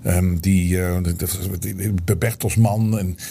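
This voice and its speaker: A middle-aged man hosting his own online show, talking straight to his viewers in a loose, rambling monologue full of fillers and restarts that grows animated when he argues a point. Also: deep voice, takes it slowly, gravelly, slightly rough.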